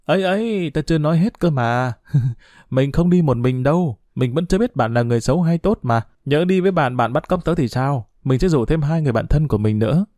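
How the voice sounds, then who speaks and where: A man's voice: on the high side, expressive, a little fast, warm tone, no room sound, studio quality, close to an everyday voice. A man voicing a playful, bossy schoolgirl who teases in a mock-stern way. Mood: teasing.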